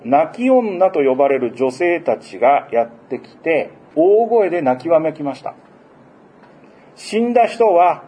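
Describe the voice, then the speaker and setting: A man preaching a sermon, explaining scripture in a gentle, unhurried way with frequent fillers. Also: mid-range voice, slight background noise. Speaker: pastor.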